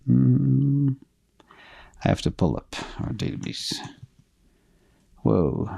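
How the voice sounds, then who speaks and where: Hoarse from losing his voice, a middle-aged man hosts a loose, casual livestream, answering viewer questions and thinking aloud with plenty of ums while checking numbers live. His dark, mellow voice sits at medium pitch and moves slowly in a sing-song way.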